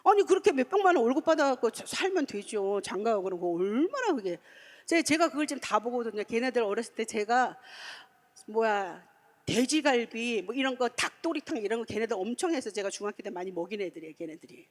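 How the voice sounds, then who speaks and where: A woman preacher giving a heartfelt, emotional sermon in a church, telling stories warmly. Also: a little high, fairly quick. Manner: animated, emotional, heartfelt storytelling. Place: church sanctuary.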